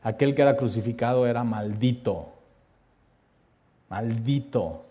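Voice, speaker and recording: A man preaching a sermon, telling the story dramatically, dropping to a hush and then rising loud, with repeated lists. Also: mid-range voice, unhurried.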